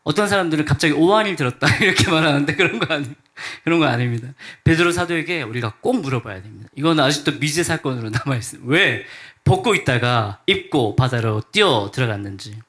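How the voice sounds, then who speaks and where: A man's voice: on the high side, animated, fast, few pauses, fairly bright tone. A man with a Gyeongsang accent preaching a sermon as pastor, telling stories with humor and acting out the lines of the people in them. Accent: Gyeongsang Korean. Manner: humorous storytelling, acts out quotes. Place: church sanctuary during a service.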